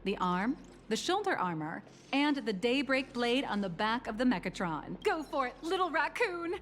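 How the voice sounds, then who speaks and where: High-voiced, polished saleswoman game character. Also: very animated, moderate pace, fairly bright tone, slight background noise. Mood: rousing. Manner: smooth ad-read delivery, grandly persuasive. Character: polished, upbeat female toy-company demonstrator guiding assembly. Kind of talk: scripted sales-pitch video game acting.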